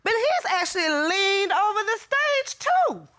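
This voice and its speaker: High, bright, assertive woman. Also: big pitch swings, unhurried. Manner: assertive, argumentative. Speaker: club owner testifying in TV court. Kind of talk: courtroom testimony.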